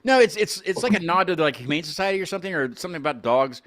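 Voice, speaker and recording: A lively male podcast host, on the high side and racing, chats casually with band guests in a group conversation. He rambles, stammers into restarts, and laughs often.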